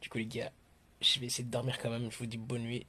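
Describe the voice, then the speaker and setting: Slangy young French-speaking vlogger. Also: male voice, mid-range voice, monotone, quick pace, bright, forceful tone, breathy edge. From Portugal. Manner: slangy, joking, addresses viewers as "les gars". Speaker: travel vlogger. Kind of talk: casual vlog chat to camera.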